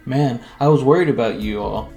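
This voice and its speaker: A man's voice: mid-range voice, brisk, creaky, mellow, echoey room, faint music behind, close to an everyday voice. A man doing a friendly, relieved pal. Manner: relieved, chummy.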